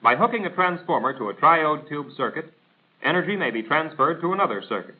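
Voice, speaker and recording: An American man with a fairly high, very animated voice reads a scripted instructional narration fairly quickly, formal, precise, and didactic, like a 1940s military training film. The sound is tinny and band-limited, like a 1940s film soundtrack.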